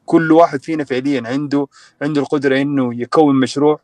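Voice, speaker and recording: A man's voice: medium pitch, steady tone, racing, a little mellow, no echo. A young man from Sudan telling his story as a guest in a casual online chat, with many fillers and restarts. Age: young adult.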